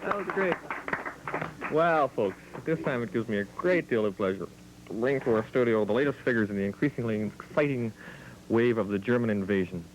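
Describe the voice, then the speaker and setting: Deadpan man hosting a comic talk show. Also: medium pitch, fairly quick, background noise. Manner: mock-formal, deadpan introductions.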